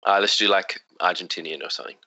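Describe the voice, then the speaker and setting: Deep, bright man scoffing. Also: dry recording, lo-fi sound. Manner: quick to disbelieve, says nah and no way. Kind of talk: casual chat among friends.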